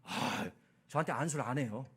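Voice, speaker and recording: A male pastor preaching a sermon, telling a personal story with animated delivery and acted-out dialogue. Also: medium pitch, moderate pace, breathy edge.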